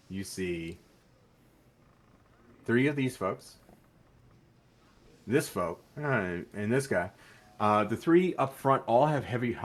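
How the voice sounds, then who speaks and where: A man serves as game master, narrating the scene and calling for dice rolls in an easygoing, matter-of-fact way. His voice sits low and slightly husky. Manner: relaxed, matter-of-fact rules talk with fillers.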